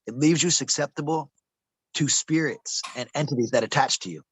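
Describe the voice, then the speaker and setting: This man's mid-range voice has a breathy edge, and he talks at a normal pace while recounting meandering conspiracy stories in an informal interview at a desert camp outdoors. He trips over some words and calls the listener "man" and "bro." The recording is rough, with no room sound.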